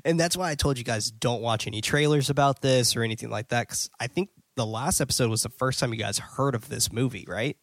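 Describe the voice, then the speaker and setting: A man's voice: mid-range voice, brisk, few pauses, a bit bright. A man hosting a casual movie-review podcast, recapping a plot in a loose, filler-heavy way and swearing now and then. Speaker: podcast host.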